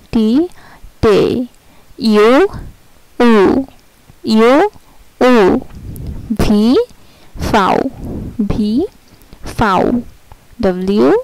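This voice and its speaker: Slow, repetitive language teacher woman. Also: a little high, a little mellow, no echo, rough recording. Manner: repeats each sound slowly and clearly for learners. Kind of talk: online language lesson.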